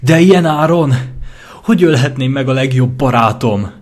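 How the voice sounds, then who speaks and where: A man's voice: medium pitch, animated, darkish tone, voice pushed up, close to an everyday voice. A man voicing an emotional young female green unicorn torn between love and friendship, in an audio fanfiction reading. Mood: anguished. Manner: emotional, anguished.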